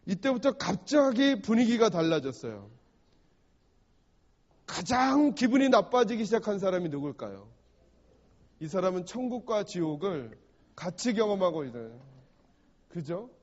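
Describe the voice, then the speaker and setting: A man's voice: high-pitched, big pitch swings, unhurried, long pauses, a little mellow. A male pastor preaching a sermon, retelling a parable and often asking the congregation rhetorical questions. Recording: dull recording in a reverberant church hall.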